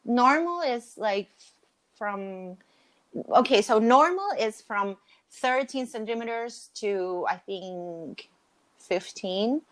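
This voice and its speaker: Slow-talking frank woman guest. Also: on the high side. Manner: unhurried, frank, laughs often. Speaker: interview guest. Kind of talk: casual interview chat. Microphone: podcast mic.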